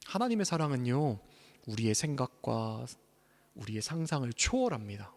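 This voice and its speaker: Animated preaching man in a reverberant hall. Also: medium pitch, moderate pace. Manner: animated preaching, swinging from loud emphasis to soft whispers. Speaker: pastor. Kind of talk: sermon. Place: church hall. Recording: church hall with long reverb.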